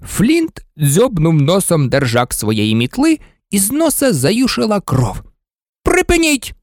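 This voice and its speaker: A man's voice: fairly high pitch, wildly swooping pitch, measured pace, a little mellow, no room sound, clean studio sound. A man narrating an audiobook expressively, voicing every character himself. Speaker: audiobook reader.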